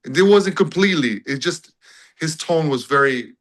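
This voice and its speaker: Bright-voiced man. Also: fairly high pitch, lively intonation, moderate pace, rough recording. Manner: easygoing storyteller. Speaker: audience member calling in. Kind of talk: casual call-in chat.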